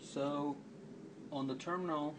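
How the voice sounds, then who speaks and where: A man with a fairly high voice talks through a casual computer tutorial at a desk indoors, filming his laptop screen with a handheld camera. He speaks slowly with fairly even intonation, spelling out commands letter by letter, and there's background noise.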